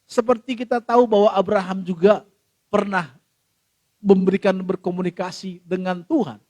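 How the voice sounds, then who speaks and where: High-voiced pastor preaching with emotion. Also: male voice, fairly even intonation, moderate pace, no echo. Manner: emotional storytelling, swings from loud to hushed; repeats the congregation address often. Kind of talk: sermon.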